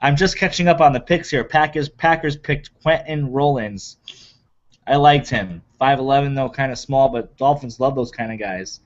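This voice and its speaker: A man co-hosting a sports draft show talks in a casual, chatty way as he runs down the picks. His voice sits at an ordinary pitch. The recording is dull and a little lo-fi. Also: moderate pace. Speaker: co-host of draft podcast.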